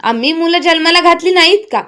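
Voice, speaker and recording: A harsh, commanding old mother-in-law in a spoken storybook who barks orders at the household, as a woman narrator reads her lines. The voice sits high and sharp. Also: fairly quick. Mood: scolding. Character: stern scolding elderly mother-in-law.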